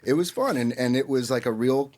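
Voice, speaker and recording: A man's voice: mid-range voice, brisk, darkish tone. A man co-hosting a podcast in casual chat, boastful and rambling with lots of fillers. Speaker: podcast co-host.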